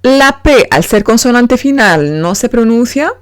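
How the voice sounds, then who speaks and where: A woman's voice: on the high side, animated, unhurried, dry recording, clean studio sound. A woman giving a beginner pronunciation lesson, patiently spelling out letters and sounds. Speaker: French teacher.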